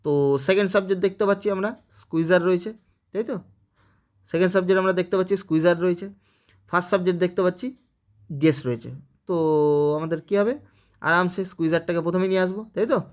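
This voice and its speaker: Brisk male Bengali grammar teacher. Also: high-pitched, fairly even intonation. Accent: West Bengal Bengali. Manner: explains step by step with frequent "okay?" check-ins. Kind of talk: spoken grammar lesson.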